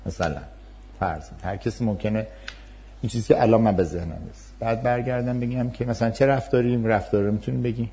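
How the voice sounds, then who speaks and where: Male teacher giving a lecture, gravelly low-key voice, patient and calm, role-plays kind replies. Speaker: university lecturer. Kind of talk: class lecture with role-play demonstrations.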